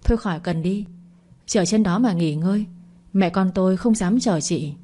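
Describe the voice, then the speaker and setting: A woman's voice: medium pitch, moderate pace, dark tone, natural voice. Woman doing a fussy complaining mother-in-law. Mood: sulky. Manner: wailing, reproachful.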